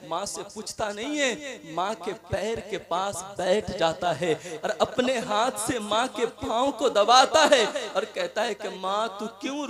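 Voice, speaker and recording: Man, preacher, fervent sermon, very high-pitched, exhorting, audience noise behind. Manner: fervent, exhorting, swings between shouting and hushed storytelling. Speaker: Islamic preacher. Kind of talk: impassioned Urdu-Hindi sermon. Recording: crowd heard behind the voice. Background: crowd noise.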